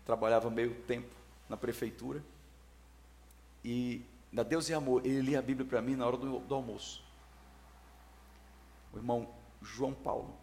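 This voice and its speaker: Preacher, man, 40s, mid-pitched; emphatic sermon delivery with big loud-to-soft swings. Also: steady tone, moderate pace, pauses often, a little hiss or hum. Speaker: pastor.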